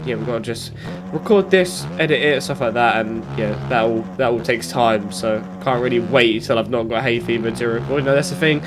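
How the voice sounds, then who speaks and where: A British gaming YouTuber provides casual commentary over his own play, his voice stuffy and blocked by hay fever. At an ordinary male pitch and a slightly fast pace, he rambles with lots of ums and self-corrections while loud motorbike engine sounds from the game roar underneath.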